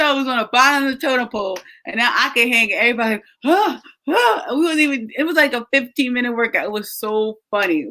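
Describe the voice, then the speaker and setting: A woman in her thirties hosting a casual chat, telling stories in an animated way and laughing often. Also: a little high. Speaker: host.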